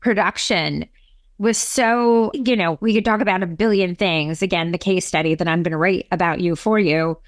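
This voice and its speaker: A woman's voice: on the low side, normal speed, no echo, clean studio sound. Chatty woman hosting an interview. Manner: chatty, enthusiastic, lots of affirmations. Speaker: podcast host, interviewer. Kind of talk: conversational interview.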